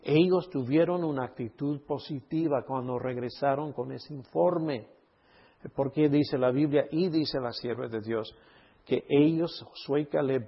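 Man pastor, husky voice, emphatic sermon, rhetorical questions, dull lo-fi sound. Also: mid-range voice. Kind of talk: Bible study sermon.

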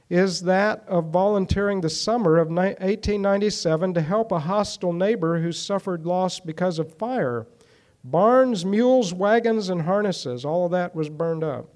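A man reading historical accounts aloud in a measured, deliberate way, with small restarts, then commenting on them. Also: high voice, darkish tone.

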